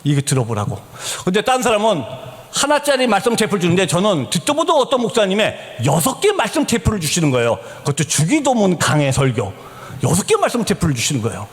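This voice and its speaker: A middle-aged man, a missionary, telling his conversion story as a church testimony in an animated, storytelling way that rises to shouts. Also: high voice. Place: church sanctuary. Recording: church hall reverb.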